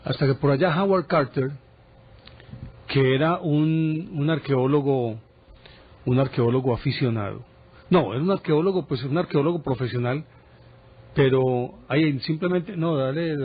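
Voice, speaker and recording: A man presenting a TV program, telling a history story casually with lively asides. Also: mid-range voice, normal speed, long pauses, breathy edge. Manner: animated storyteller, chatty asides. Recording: dull broadcast audio.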